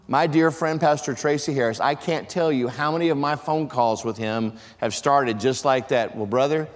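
A male pastor preaching a sermon in an emphatic style that swells into shouts for emphasis. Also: fairly high pitch. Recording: long reverb of a large hall.

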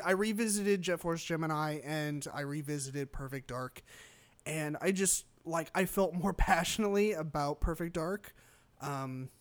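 High bright-voiced young man rambling. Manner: rambling, laughs often, stammers and restarts, swears casually. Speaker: podcast co-host. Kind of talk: casual chat.

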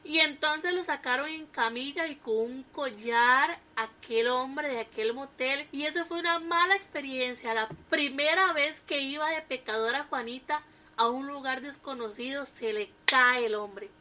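A woman narrating a comic story in a lively, chatty way. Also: high-pitched, unhurried.

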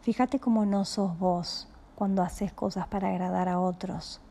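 A woman with a Rioplatense Spanish accent giving a calm, reflective spiritual talk, speaking slowly and often dropping into a soft whisper. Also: mid-range voice, vocal fry. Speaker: spiritual teacher.

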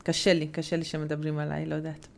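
A woman's voice: low-pitched, monotone, gravelly, a little mellow. A middle-aged woman from Hungary, a native Hungarian speaker, chatting casually as a podcast co-host and searching for words as she goes. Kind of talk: casual chat.

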